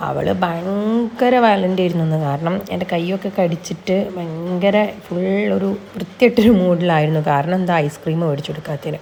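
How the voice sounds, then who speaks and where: A young adult woman, a mother vlogging with her little daughter, coaxing and teasing her with questions, then dropping to quieter asides for viewers. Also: sits low, slight background noise, low-quality recording. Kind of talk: casual family vlog chat.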